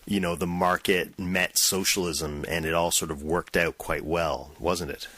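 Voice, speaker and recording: A low-pitched man hosts a conversational interview podcast. He speaks in a relaxed, chatty way and often restarts his sentences. The recording sounds dry and close. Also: measured pace, no echo. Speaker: podcast host.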